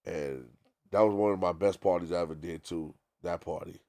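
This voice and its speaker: A middle-aged man telling stories casually as a guest, animated and profane. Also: low-pitched, normal speed, no room sound. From New York. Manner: animated, profane, full of quoted dialogue. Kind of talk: casual storytelling.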